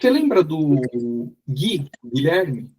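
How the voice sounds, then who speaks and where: Husky-voiced Brazilian man, rambling. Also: on the high side, sing-song, darkish tone. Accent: Brazilian Portuguese. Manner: rambling, repeats words, quick laughs. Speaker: mentor. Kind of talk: casual group mentoring chat.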